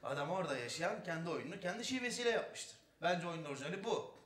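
A man's voice: a little high, lively intonation, fast, a bit bright. A man doing stand-up, telling wry, chatty stories to an audience. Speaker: stand-up comedian. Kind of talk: stand-up storytelling. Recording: echoey stage recording.

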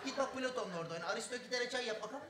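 A man's voice: very high voice, animated, racing, pitched above the performer's own voice. A comedian playing a crude, rambling old village man with a rural North Aegean Turkish accent in a stand-up bit. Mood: scolding. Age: older. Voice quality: broad rustic drawl, scolding and bawdy. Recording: echoey stage recording, audience noise.

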